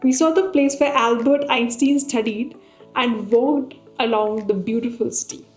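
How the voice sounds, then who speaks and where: A woman's voice: on the high side, normal speed, a little mellow, echoey room. A woman giving scripted narration for a travel vlog. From India. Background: music.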